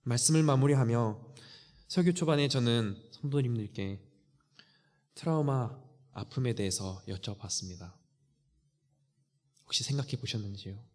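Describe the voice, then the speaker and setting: A man preaching a sermon earnestly, often dropping to a hushed, near-whispered voice when quoting. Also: medium pitch, normal speed, pauses often. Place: church sanctuary. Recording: church hall reverb.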